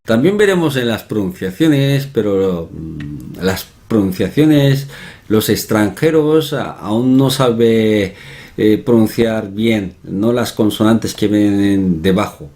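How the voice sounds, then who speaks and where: A man's voice: on the low side, animated, slow pace, mellow. A man teaching an online language lesson, explaining patiently and repeating example words several times, with chatty asides. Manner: chatty asides, often asks "¿no?".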